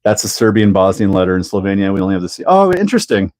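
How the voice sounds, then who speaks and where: A Canadian man with a fairly low voice chats casually through a live build stream, laughing easily as he answers viewers. The sound is dry, with no room echo. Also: very animated, racing, a little mellow. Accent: Canadian English. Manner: chatty, laughs often, answers viewer chat.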